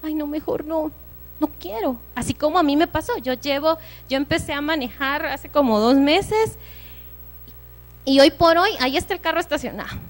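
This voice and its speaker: A woman's voice: sits high, expressive, normal speed, faint music behind. A woman giving a church sermon, preaching earnestly and conversationally with personal stories.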